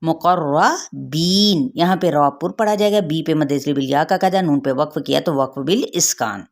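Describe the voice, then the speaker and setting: A woman gives a tajweed lesson. She explains each recitation rule patiently, checks in with her students often, and then recites the words slowly and carefully. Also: deep voice, animated, a little mellow. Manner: patient, repeats rules, checks with "theek hai". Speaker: Quran recitation teacher.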